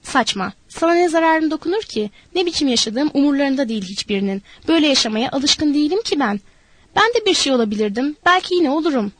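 A woman voicing a lonely, restless young wife in an audiobook, talking in an eager, rushing, pleading way. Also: high voice, expressive, no echo, pitched above the performer's own voice. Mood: indignant. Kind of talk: audiobook character voice.

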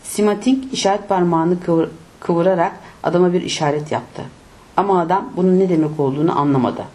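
A woman reading a novel aloud in a steady, measured audiobook narration. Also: fairly low pitch, slight background noise.

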